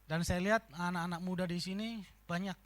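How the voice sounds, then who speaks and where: A male pastor preaching at a church youth service, animated, swinging between loud emphasis and soft conversational asides. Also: high-pitched, fairly quick. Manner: acts out quoted people in conversational voices. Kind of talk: sermon.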